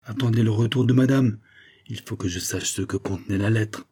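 A sly scheming valet with a low, husky voice, as a male reader puts him on. He drops knowing half-hints and keeps his real thoughts to himself. The tone is dark and mellow. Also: fairly quick. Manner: knowing, evasive.

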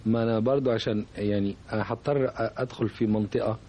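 Casting: Egyptian man, warm mellow tone, thoughtful radio guest who hesitates as he talks. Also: on the low side, steady tone, very fast, a little hiss or hum. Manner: reflective, hesitant, searching for words. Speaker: composer, guest. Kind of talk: radio interview.

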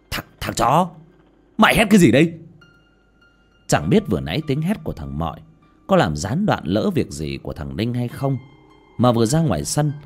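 A man narrating a horror story in a dramatic, scripted way. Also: darkish tone. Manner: dramatic, with sudden pitch swings. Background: faint music.

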